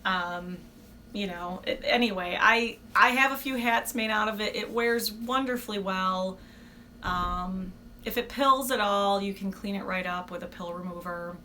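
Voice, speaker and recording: A woman's voice: mid-range voice, a little slow, sharp tone, a little hiss or hum. A woman hosting a casual, unscripted craft podcast, chatting in a rambling, self-deprecating and informal way. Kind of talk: casual, unscripted video podcast chat about knitting.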